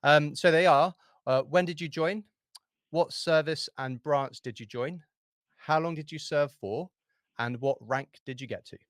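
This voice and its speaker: A man's voice: a little high, a little slow, no echo, studio quality. A man hosting a podcast, asking friendly, easygoing questions with plenty of fillers. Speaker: podcast host. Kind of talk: interviewing.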